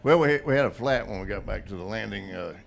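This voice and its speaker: A man's voice: on the low side, expressive, fast, vocal fry. A man, a tournament angler, speaking in a laid-back, matter-of-fact way on stage. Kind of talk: onstage remarks.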